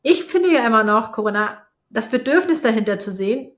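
A woman's voice: on the high side, animated, fairly quick. German-speaking mother chatting on a podcast. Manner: thinks aloud with many fillers and restarts. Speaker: podcast co-host. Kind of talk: casual podcast conversation about parenting.

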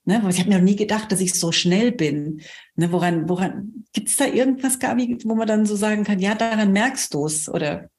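A woman hosting a podcast, chatting casually and often adding quick tag questions. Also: mid-range voice, a little mellow. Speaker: podcast host. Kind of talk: casual interview chat.

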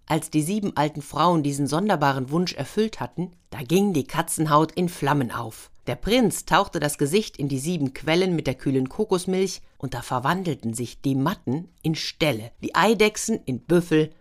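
A woman narrating a fairy tale in a gentle, expressive storytelling manner. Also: low-pitched, normal speed, few pauses. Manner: gentle, expressive storytelling, brief voices for figures.

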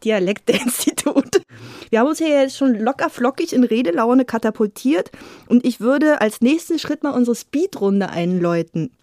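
A woman's voice: fairly high pitch, expressive, normal speed, a little mellow, dry recording, studio quality. A woman co-hosting a podcast, asking questions enthusiastically and talking freely. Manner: enthusiastic, talkative. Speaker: podcast co-host. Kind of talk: casual interview talk.

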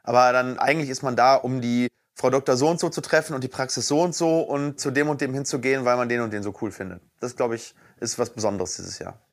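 A man's voice: medium pitch, steady tone, quick pace, hardly any pauses. A middle-aged man co-hosting a casual talk show, prompting the host with questions and tagging his lines with "ne?".

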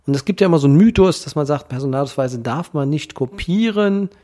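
Nasal, stuffed-up male podcast host, mellow voice. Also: a little high, expressive. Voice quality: nasal, congested from a cold. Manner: hesitant, halting delivery with many ehs and ums. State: has a cold. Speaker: podcast host, legal guardianship professional. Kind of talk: informal podcast monologue.

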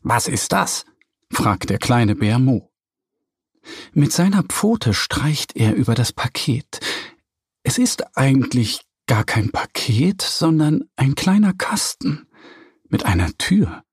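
A man narrating a children's audio story in a lively, expressive reading style. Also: medium pitch, slow pace, husky, dry recording, clean studio sound.

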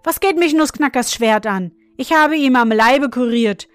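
Woman doing a rasping old clockmaker godfather. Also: fairly high pitch, unhurried, no room sound, faint music behind, natural voice. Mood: grumpy. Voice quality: rasping, monotone when singing. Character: odd old godfather, clockmaker, gruff and whimsical.

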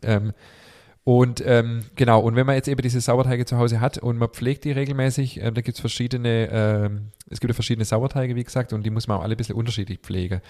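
A podcast host with a cold chats casually, sounding a little stuffy and rambling with plenty of fillers and restarts. His medium-pitched, warm voice is steady in tone and fairly quick.

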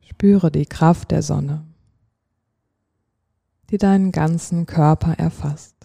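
Leading a guided relaxation, this sleep-story narrator has a very dark voice with soft edges. Short phrases come slowly and soothingly, separated by long pauses, while the pitch stays level and drifts into a soft creak. There's no echo.

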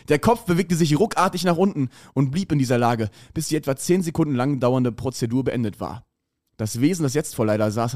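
A man's voice: a little high, darkish tone, no echo, studio quality. A podcast co-host reading his own story aloud in a hammy, dramatic way.

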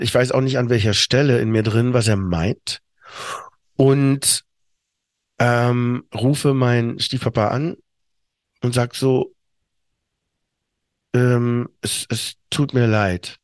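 A man's voice: medium pitch, fairly even intonation, unhurried, long pauses, no echo. Reflective middle-aged man, dry close sound. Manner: reflective, with many fillers and restarts. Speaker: podcast co-host. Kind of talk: casual chat.

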